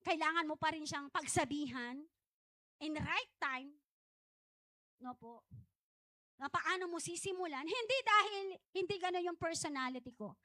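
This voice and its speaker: A woman's voice: high voice, unhurried, long pauses, bright, forceful tone, dry recording. A middle-aged woman pastor, preaching a conversational church sermon full of chatty asides. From Philippines. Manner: chatty, digressive preaching with frequent asides and self-laughter.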